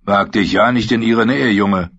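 A man reading an audiobook voicing a gruff, dismissive town guard who growls his warnings. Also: lowish voice, measured pace, fairly bright tone, dry recording. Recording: dull lo-fi sound.

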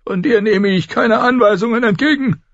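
A man voicing a crotchety, spiteful lord of ninety with a high, cracked cackle, in an audiobook reading. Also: normal speed, fairly bright tone, no room sound, dull audio. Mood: scornful. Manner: scornful, barking.

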